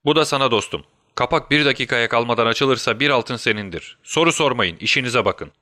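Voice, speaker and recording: A man's voice: mid-range voice, a little fast, bright, forceful tone, no room sound, clean studio sound, close to an everyday voice. A man voicing Sherlock Holmes, a brilliant, restless detective who speaks urgently and gives commands, in an audiobook. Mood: commanding. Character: brilliant, restless male detective in his prime. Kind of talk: audiobook character voice.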